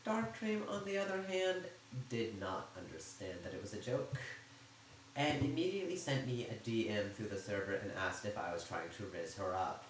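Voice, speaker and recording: Low-voiced man telling a rambling story. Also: sing-song, normal speed. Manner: rambling, chatty, with sarcastic asides. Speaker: YouTuber recounting server drama. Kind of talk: casual storytime chat. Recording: very echoey room, faint noise.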